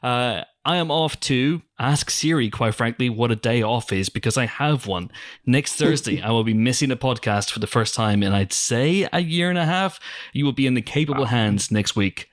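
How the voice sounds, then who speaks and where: A man's voice: medium pitch, animated, normal speed, no room sound, studio quality. A man hosting a podcast, joking playfully through the sign-off. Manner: jokey, playful sign-off patter. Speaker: podcast host. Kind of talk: casual podcast chat.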